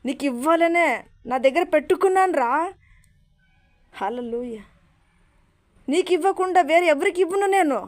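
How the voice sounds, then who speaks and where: Woman speaking as God, a consoling father figure, high soft voice, gentle pleading questions. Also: lively intonation, normal speed, long pauses. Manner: soothing, pleading questions, calls listener "little darling". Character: God as a tender, comforting divine father.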